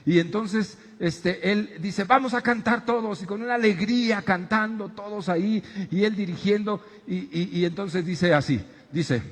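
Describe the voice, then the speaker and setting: High-voiced preaching man, echoing hall. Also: measured pace, hardly any pauses. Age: middle-aged. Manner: animated preaching, shouting dramatic quotes. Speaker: pastor. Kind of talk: sermon. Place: church auditorium.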